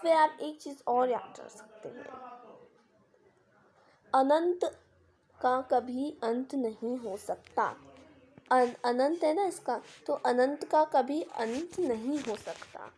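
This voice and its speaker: A woman teaches Hindi grammar in a screen-recorded lesson captured on the device mic, patiently explaining with simple examples and quiz questions. Her high-pitched voice has a darkish tone and a slow pace.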